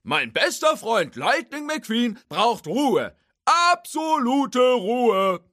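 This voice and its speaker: A boisterous, good-hearted tow truck, put on by a male reader, who stretches his words and shouts in a raised, husky voice. His pitch leaps all over the place, and the read-aloud storybook sound stays dry and close. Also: wildly swooping pitch, dry recording, exaggerated voice. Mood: bellowing. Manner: loud, drawn-out, folksy shouting.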